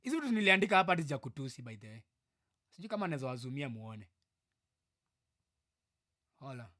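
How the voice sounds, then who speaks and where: In a clean studio recording with no echo, a Kenyan man in his twenties delivers a livestream reaction rant. His mid-range voice swings widely in pitch at a quick pace, and he's loud, heated and repetitive, frequently sinking into mutters.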